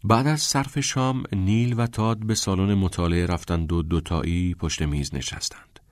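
A man reading an audiobook in a steady, measured storytelling voice. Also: low voice, dry recording, clean studio sound. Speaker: audiobook reader. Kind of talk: scripted narration.

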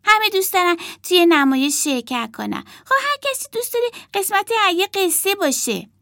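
A woman voicing Emma, a bossy, excitable little girl who talks eagerly and insistently. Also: very high-pitched, dry recording, studio quality, pitched above the performer's own voice, exaggerated voice.

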